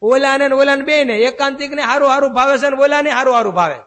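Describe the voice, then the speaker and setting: A man preaching a devotional sermon, chanting verses slowly and telling stories in a folksy way. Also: very high voice, a bit bright. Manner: chants verses slowly, then explains in a folksy storytelling manner. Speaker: swami preacher. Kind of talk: Gujarati devotional sermon with storytelling. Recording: long hall reverb.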